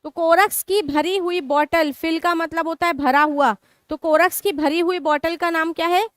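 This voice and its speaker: A woman's voice: extremely high pitch, steady tone, normal speed, dry recording, clean studio sound. A woman teaching a live online exam-prep class, mixing in English terms and asking students questions she answers herself. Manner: mixes Hindi with English terms.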